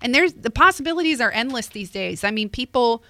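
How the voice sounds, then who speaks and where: A woman co-hosting a radio show chats in a lively, animated way and laughs often. Her voice sits fairly high. The studio mic sounds close and dry. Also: dry recording. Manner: animated, chatty, quick to laugh. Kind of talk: casual chat.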